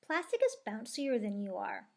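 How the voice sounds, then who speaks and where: Woman doing a gentle, comforting stuffed toy. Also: on the high side, moderate pace. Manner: calm, comforting.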